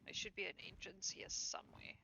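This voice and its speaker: A woman's voice: fairly quick, bright, forceful tone. A woman giving casual commentary while playing a survival game, tired and yawning, rambling and correcting herself with many fillers. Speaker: gaming streamer. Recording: dull lo-fi mic with faint noise.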